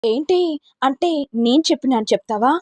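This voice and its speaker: A woman's voice: high voice, animated, brisk, no echo. A woman voicing an angry, frustrated young husband in a story, mocking his wife with harsh rebukes.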